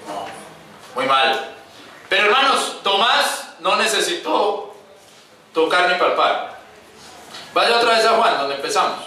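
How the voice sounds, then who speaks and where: In an echoey church hall, a man preaches to his congregation, calling them brothers and voicing the characters from the scripture he recounts. His high, sing-song voice is bright and forceful, moving at a measured pace with long pauses. The recording was picked up from a distance.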